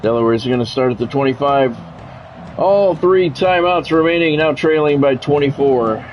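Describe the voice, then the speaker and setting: Over dull audio with a faint hiss or hum, a middle-aged man in a mid-range voice calls a football video game at normal speed. He sounds like a radio announcer, using clipped phrases and tossing in informal remarks.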